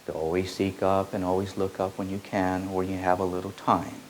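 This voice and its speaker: A very low-voiced man gives a slow, meditative spiritual teaching with a flat delivery, repeating phrases like an incantation as his pitch scarcely moves. A faint hiss from an old tape lies under the voice.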